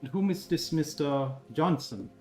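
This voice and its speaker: Halting male tabletop player over music. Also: fairly high pitch, lively intonation, a little mellow. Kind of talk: improvised in-character role-play chat.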